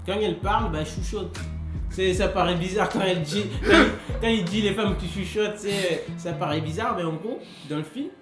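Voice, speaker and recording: A speaker explaining a point casually and at length, relaxed, often repeating phrases and dropping soft and low. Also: fairly quick. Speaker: film reviewer. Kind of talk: casual chat. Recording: echoey room with music behind.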